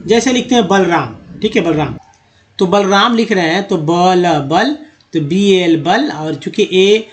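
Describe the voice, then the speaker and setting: High-voiced man spelling words aloud. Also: unhurried. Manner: spells names letter by letter, repeats words often; addresses viewers as friends. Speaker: teacher. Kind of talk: explaining Hindi-to-English spelling on a board.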